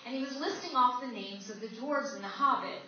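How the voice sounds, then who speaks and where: A woman's voice: a little high, a little fast, pushed and bright. A woman doing stand-up comedy, telling stories with sarcastic exasperation. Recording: echoey, distant, dull, noisy live recording.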